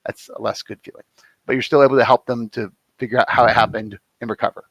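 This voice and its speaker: Fast-talking man on a panel. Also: mid-range voice, steady tone, dry recording, poor audio. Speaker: incident response panelist. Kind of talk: casual panel discussion.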